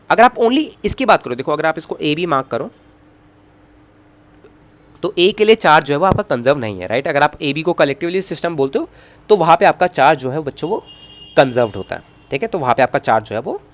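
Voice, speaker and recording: A man's voice: fairly high pitch, lively intonation, brisk. A man teaching a physics lecture, coaxing students with constant check questions and jokey asides. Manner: jokey asides and self-talk while writing. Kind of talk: online lecture at a whiteboard.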